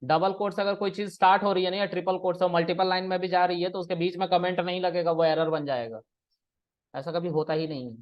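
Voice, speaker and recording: A man's voice: high-pitched, little pitch movement, quick pace. A man teaching programming in a casual classroom way, explaining step by step and checking that students follow. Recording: dull lo-fi recording.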